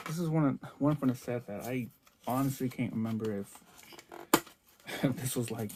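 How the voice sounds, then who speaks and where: Man, toy car collector vlog, casual unboxing chat, rambling, medium-pitched voice. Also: moderate pace, background noise. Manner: rambling, chatty, many restarts and fillers.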